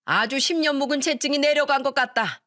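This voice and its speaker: A woman's voice: high voice, voice pushed up. Woman playing a furious spiteful older man. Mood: furious scornful. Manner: shouting, scornful, drawn-out. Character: angry spiteful older man, father-in-law. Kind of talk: radio story reading.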